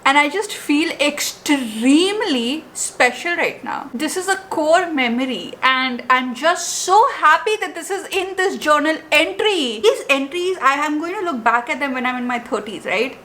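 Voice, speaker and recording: Excitable young woman, high and bright. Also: measured pace, hardly any pauses, a little hiss or hum. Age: 20s. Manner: gushing, excited, emotional. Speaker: book vlogger. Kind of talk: casual unboxing vlog.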